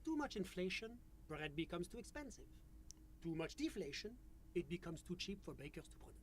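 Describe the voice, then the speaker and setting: An actor playing a prim, unflappable male financial official with a French accent and a measured, bureaucratic delivery. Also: sits high, very animated. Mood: composed.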